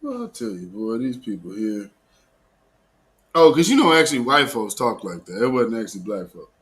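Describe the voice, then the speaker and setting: With a lowish, slightly bright voice and big pitch swings, this Portland, Oregon native speaks at a moderate pace. He hosts a live commentary show in the United States, sounding casual, opinionated and full of mockery and sarcasm.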